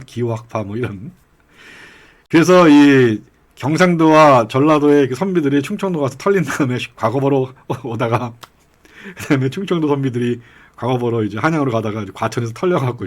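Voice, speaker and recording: Rambling middle-aged male political commentator. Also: mid-range voice. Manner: rambling anecdotal storytelling with chuckles; acts out regional dialect quotes. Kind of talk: casual political talk.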